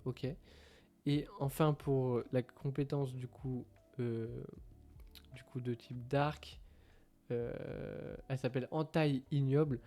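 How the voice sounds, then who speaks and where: Homme au timbre sombre, hésitant. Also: male voice, medium pitch, warm tone. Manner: hesitant, many fillers, reads translated text aloud. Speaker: gaming streamer. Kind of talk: casual reading of game patch notes.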